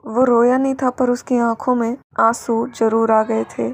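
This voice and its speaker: Woman reading fan fiction aloud, high voice, a bit gravelly, lively. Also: a little slow. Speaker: storyteller. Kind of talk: fan fiction story narration.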